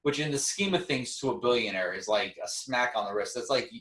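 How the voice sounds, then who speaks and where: A man co-hosting a casual sports debate, animated and often restarting his sentences as he argues. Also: mid-range voice, fairly quick, far from the mic. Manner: animated, stumbles and restarts when arguing. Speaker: co-host. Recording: echoey room, away from the mic.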